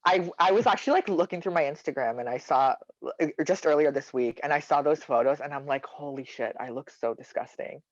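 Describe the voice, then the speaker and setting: A man who performs in drag, a podcast guest in casual chat, animated and self-mocking. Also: fairly high pitch, fast, no room sound. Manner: animated, self-mocking, laughs between thoughts. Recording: dull, dry lo-fi recording.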